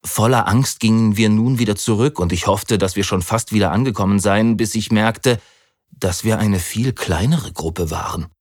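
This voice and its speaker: A man reading a children's story aloud in an expressive, dramatic way. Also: on the low side, normal speed, breathy edge, dry recording, clean studio sound.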